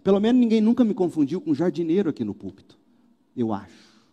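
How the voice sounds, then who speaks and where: Mellow-voiced pastor preaching in a hall. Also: male voice, sits high, fast talker, dull audio. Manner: animated, rhetorical questions and wry asides. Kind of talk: sermon. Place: church pulpit.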